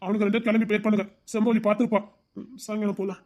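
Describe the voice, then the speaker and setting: A meek middle-aged husband, as a woman puts him on, pleading and hesitant in a Tirunelveli accent. The voice sits far lower than the performer's own and moves at a quick pace. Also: flat delivery, warm tone, close to an everyday voice. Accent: Tirunelveli Tamil. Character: meek reluctant middle-aged husband, caught between wife and family.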